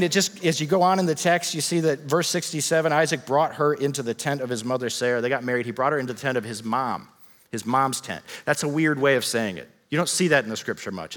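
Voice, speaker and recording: Male pastor, bright tone, ringing hall reverb, chatty joking sermon delivery. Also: medium pitch. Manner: humorous, conversational preaching with rhetorical questions; father of children. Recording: long reverb of a large hall.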